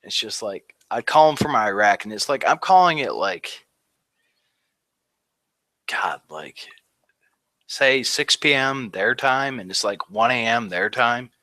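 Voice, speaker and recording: Slow and full of long pauses, a veteran in his thirties rambles through his war story in a casual interview, peppering it with "like" and laughing at the grim bits. His mid-range voice is lively, pushed and bright. The studio sound is clean and echo-free.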